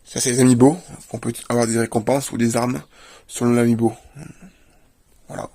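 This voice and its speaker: Man, gravelly voice, husky tone, casual show-and-tell, plain item-by-item listing. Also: mid-range voice, flat delivery, moderate pace, dark tone. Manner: plainly lists items while leafing through a book. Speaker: video creator.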